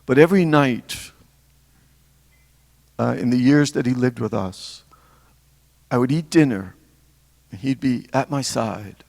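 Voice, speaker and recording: Older male deacon, reflective spiritual talk; gravelly timbre with hall reverb. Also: medium pitch, darkish tone. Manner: reflective storytelling, pausing between phrases.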